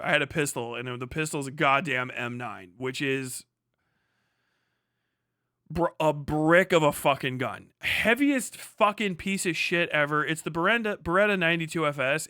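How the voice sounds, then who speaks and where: Swearing heavily, a man vents his exasperation in casual commentary while reacting to videos on a livestream. His mid-range voice is bright, forceful and smooth, in a dry, clean studio recording.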